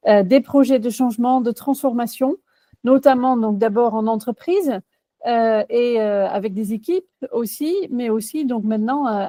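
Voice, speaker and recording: This Dutch woman in her forties, a career coach from the Netherlands, answers interview questions in a fairly high, mellow voice. She sounds hesitant, with many fillers and restarts, and there's no echo on the recording.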